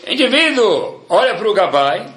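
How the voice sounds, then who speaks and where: Animated man telling a religious story. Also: sits high, normal speed, reverberant, slight background noise. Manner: animated storyteller, mixes in Hebrew prayer terms.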